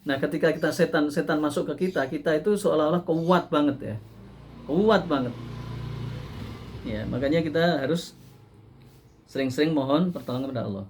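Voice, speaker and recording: Casting male preacher, slightly high voice, conversational sermon, animated, laughs often. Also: moderate pace, pauses often, slight background noise. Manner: chatty, animated, frequent "ya" tags, laughs at his own stories. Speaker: Islamic preacher. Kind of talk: casual sermon to a live audience.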